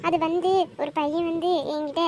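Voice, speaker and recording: A woman's voice: very high voice, brisk, slight background noise. A woman voicing a young woman caught with her boyfriend, flustered and stammering excuses.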